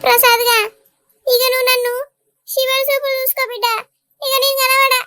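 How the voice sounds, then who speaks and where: A woman voicing an emotional older village mother in a cartoon, pleading dramatically in a high-pitched voice. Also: steady tone, brisk, sharp tone, dry recording. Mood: despairing. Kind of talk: Telugu cartoon dubbing.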